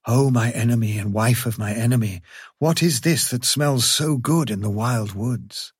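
A man's voice: mid-range voice, normal speed, husky, no room sound, studio quality, lightly acted. A man voicing an eager, hungry wild male dog who speaks earnestly in a storybook tale. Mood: curious.

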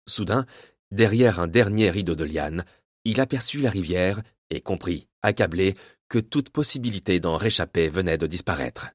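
A man reading an adventure novel aloud in a measured, dramatic storytelling manner. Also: low-pitched, expressive, no echo, studio quality. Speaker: audiobook narrator. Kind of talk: scripted narration.

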